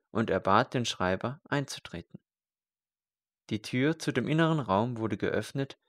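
Slow, measured male audiobook narrator. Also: mid-range voice, no echo, studio quality.

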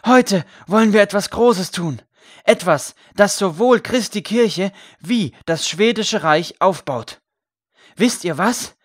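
A man voicing a gaunt condemned priest who preaches loudly to a crowd. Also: high-pitched, expressive, takes it slowly, dry recording, studio quality, pitched above the performer's own voice, heavily acted. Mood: fervent. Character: gaunt condemned male priest, fervent and forgiving.

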